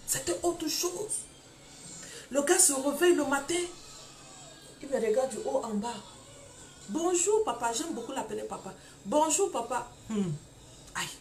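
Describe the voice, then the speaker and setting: A woman preacher gives a live-streamed testimony sermon. Her voice sits high and swings widely as she tells her story. She acts out the dialogue, with plenty of exclamations.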